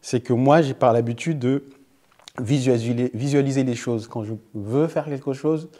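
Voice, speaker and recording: A man's voice: medium pitch, moderate pace. Man in his forties, hesitant storyteller. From Senegal. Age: 40s. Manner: animated storyteller, frequent hesitations and restarts. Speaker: guest author. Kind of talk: interview answers. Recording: echoey room.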